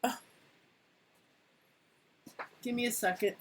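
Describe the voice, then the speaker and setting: A woman's voice: a little high, steady tone, slow, a little hiss or hum. A woman chatting casually on a live stream as she crafts, thinking aloud and trailing off mid-sentence.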